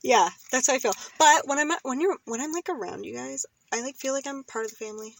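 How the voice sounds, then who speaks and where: A young woman co-hosting a podcast, chatting casually in an animated, rambling way. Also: high voice, quick pace, creaky, no echo, low-quality recording. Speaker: podcast co-host. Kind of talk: casual chat.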